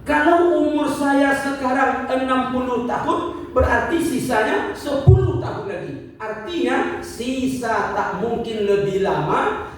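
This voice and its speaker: A man in his fifties, with a very high-pitched voice, delivers a religious lecture to his congregation, posing rhetorical questions, repeating his points, and joking lightly. He is recorded from far off in an echoey hall, with a little hiss or hum.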